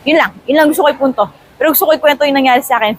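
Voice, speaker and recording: In a rough recording with slight background noise, a high-voiced woman talks very fast. She is a travel vlogger in her thirties from the Philippines, sharing a story at an airport terminal in an animated, casual, chatty way and sprinkling in English phrases.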